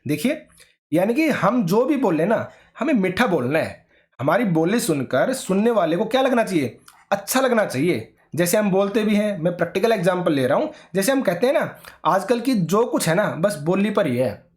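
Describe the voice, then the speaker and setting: A man's voice: high voice, very animated, normal speed. Man teaching an exam-prep lesson. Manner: explanatory, checks in with "ठीक है?" often. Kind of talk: online exam-prep lecture.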